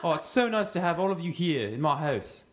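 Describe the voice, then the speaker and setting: A man voicing a boisterous, cheerful South African man with an imitated South African accent and loud, drawn-out, swearing exuberance. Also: a little high, big pitch swings, noisy background, pitched above the performer's own voice.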